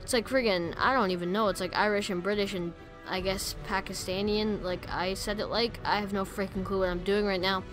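A woman giving casual, excitable gameplay commentary, rambling with lots of "like" and "friggin'". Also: mid-range voice, a little fast, soft background music. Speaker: gaming YouTuber.

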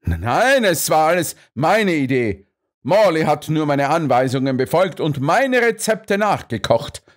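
Man acting a huffy restaurant owner, loud protests, high lively voice, audiobook. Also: measured pace. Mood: protesting. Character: indignant male restaurant owner, blustering fraud. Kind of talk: audiobook character reading.

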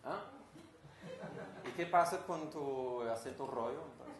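A man's voice: medium pitch, slow, crowd noise. A man from Denmark with a Danish accent, a composer giving an informal talk to an audience, who asks them questions and sometimes searches for words. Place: room with an audience. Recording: roomy, with faint room noise.

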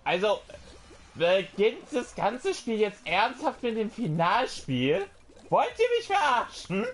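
A man's voice: sits high, big pitch swings, takes it slowly, noisy background. Man in an angry gaming outburst. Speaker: gamer. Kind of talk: gaming commentary.

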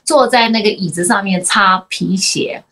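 A woman in her forties, co-hosting a casual talk show, telling stories in a lively way and mixing in English words. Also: medium pitch, normal speed. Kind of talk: casual chat.

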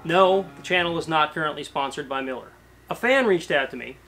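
A man in his thirties chatting casually to camera in a cluttered garage workshop, relaxed and full of fillers and restarts. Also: a little high, a little fast, soft background music. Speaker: garage vlogger. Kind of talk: casual show-and-tell to camera.

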